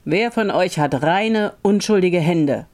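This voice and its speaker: A woman doing a greedy, gruff old farmer. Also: lowish voice, lively intonation, takes it slowly, darkish tone. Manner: gruff, scheming, falsely friendly.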